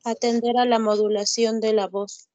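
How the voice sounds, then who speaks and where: Student reading aloud from a textbook. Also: female voice, fairly high pitch, little pitch movement, normal speed, dark tone, dull audio.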